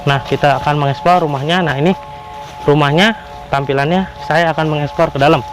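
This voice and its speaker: A man with a slightly high voice narrates an exploration vlog. He speaks haltingly to his viewers and often repeats his phrases. Music plays behind his voice. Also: steady tone, poor audio. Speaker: vlogger exploring abandoned houses. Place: abandoned roofless house and overgrown grounds in drizzle.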